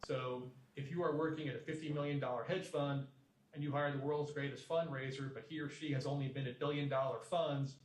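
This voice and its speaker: A man lectures a business class in a plain, direct way, leaning on folksy sayings and returning to them. His voice sits at an ordinary middle pitch. The lecture room echoes around him, and he is heard from some distance off the mic. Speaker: guest lecturer.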